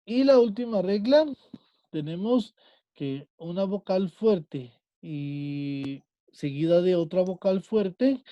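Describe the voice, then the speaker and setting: A patient teacher runs an online class, slowing down and stretching his words as he explains. His voice sits high yet sounds very dark and mellow, captured dry and close on a computer mic with no echo.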